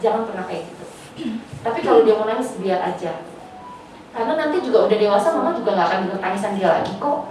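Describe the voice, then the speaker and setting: A woman giving a parenting seminar, lively and answering questions from the audience. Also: medium pitch, quick pace, a little hiss or hum. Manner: lively, acts out child and parent voices in examples. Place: preschool seminar room. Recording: echoey hall, from far off, with audience.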